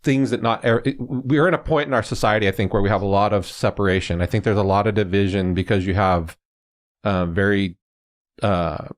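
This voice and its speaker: A deep-voiced man from California co-hosting a high school sports show. He explains things at length in a loose, rambling style, with plenty of fillers and restarts. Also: a little fast. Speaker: sports podcast co-host. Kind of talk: casual sports talk.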